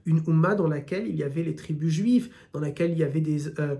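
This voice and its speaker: A man's voice: on the high side, quick pace, vocal fry, mellow. A man from France with an Occitan-tinged French accent, teaching a weekly religion lesson in short repeated phrases.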